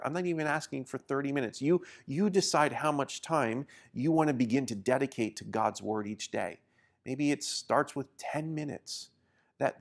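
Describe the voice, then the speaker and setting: This pastor, in his forties and raised in Indonesia, has a gravelly, medium-pitched voice as he teaches a sermon on a small studio set. Earnest and encouraging, he often begins his phrases again.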